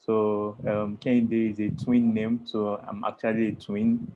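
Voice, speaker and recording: Brief: low-voiced man, slow and measured, lo-fi call sound. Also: little pitch movement. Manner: measured, quiet, with soft laughs. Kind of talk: casual video call chat. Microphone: video call. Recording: dull lo-fi call audio.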